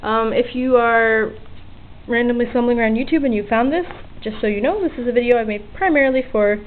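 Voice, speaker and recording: With a fairly high voice and a slightly fast pace, a hobbyist vlogger gives a casual, unscripted show-and-tell of her electronics project, being self-deprecating and a little sweary. Her handheld camera's built-in mic makes the audio tinny and band-limited with hiss. She's in a small home work area by an open window, faint outdoor weather audible behind her.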